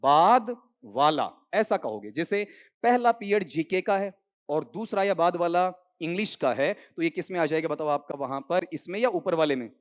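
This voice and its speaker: Man, high-pitched voice, exam-prep English lesson, quizzing students, repeats key words. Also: expressive, normal speed. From India. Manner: quizzes students, repeats words, calls them "sahab" and "beta". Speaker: English teacher. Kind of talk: exam-prep classroom lecture.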